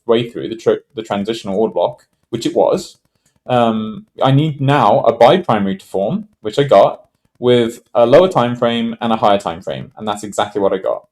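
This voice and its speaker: A man's voice: medium pitch, animated, moderate pace, a little mellow, a little hiss or hum. A man talking casually through a chart trade review, thinking aloud with many fillers and restarts. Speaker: trading educator. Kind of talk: casual screen-share trade walkthrough.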